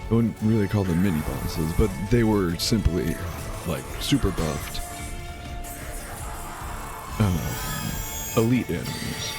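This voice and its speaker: A man's voice: sits low, lively intonation, takes it slowly, pauses often, over music. A man giving casual live video game commentary, rambling and geeky as he plays. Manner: rambling, easily sidetracked geeky enthusiasm.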